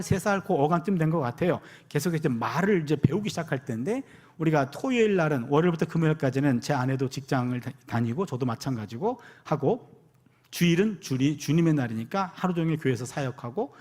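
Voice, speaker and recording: A middle-aged man, a pastor and professor, preaching a sermon and telling family stories while acting out the dialogue. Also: a little high. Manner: animated storyteller who acts out quoted dialogue. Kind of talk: sermon with personal storytelling. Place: church sanctuary.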